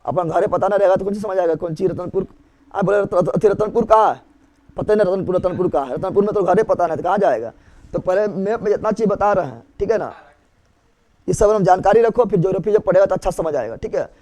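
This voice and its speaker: Man, teacher, high-pitched voice, classroom lesson, asks and answers his own questions, repeats facts over and over. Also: quick pace, a little mellow.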